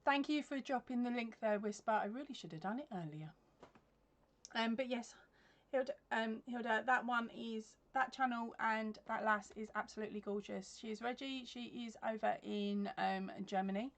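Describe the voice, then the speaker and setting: At a normal speed, this slightly high-voiced English woman reads viewer comments during a relaxed crochet livestream, laughing a lot and dropping in ums. She's in her home craft room lined with yarn shelves, and a webcam on her desk captures her.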